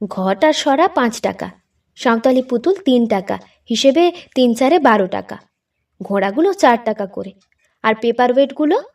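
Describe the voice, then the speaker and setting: A woman's voice: fairly high pitch, lively intonation, normal speed, darkish tone, far from the mic. Woman voicing a giggly, bubbly young woman. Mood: gleeful. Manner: bubbly, laughing as she talks.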